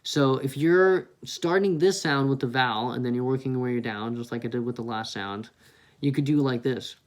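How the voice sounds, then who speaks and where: A man's voice: medium pitch, moderate pace. Guy on a headset mic teaching beginner beatbox, laid back, talks you through it and does the sounds. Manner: relaxed, explains step by step with beatbox sound demos. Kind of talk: casual tutorial.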